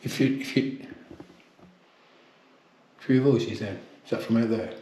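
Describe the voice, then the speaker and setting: British male, amateur paranormal investigator, mellow tone, blunt casual delivery, echoey pub room. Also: medium pitch, a little slow, slight background noise. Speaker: amateur ghost hunter. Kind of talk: paranormal investigation, calling out to spirits and chatting. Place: indoors in a pub.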